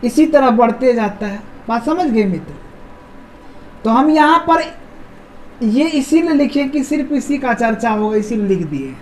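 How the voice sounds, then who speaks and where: Slow high-voiced woman teaching. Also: animated, a little mellow, slight background noise, low-quality recording. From India. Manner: repeats key words slowly, asks the viewers questions. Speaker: English grammar teacher. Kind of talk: explaining a lesson.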